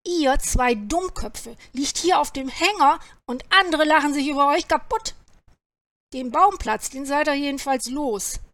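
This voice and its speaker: Storybook farmer, grumpy and scolding, read by a woman, raised and loud, dry close sound. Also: high voice, expressive, a little slow, no room sound, voice pushed up. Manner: scolding, grumbling.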